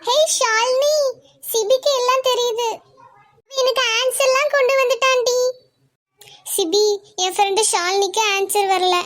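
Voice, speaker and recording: A sweet cartoon schoolgirl pleads softly and whines. Her voice is very high and light. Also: measured pace, pauses often. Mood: happy. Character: tearful teenage schoolgirl, sweet and grateful.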